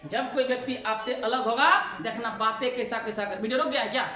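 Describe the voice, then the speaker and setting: A woman's voice: on the high side, steady tone, fast talker, a bit bright, roomy sound. A woman science teacher, giving an online class in a playful call-and-response way and laughing often.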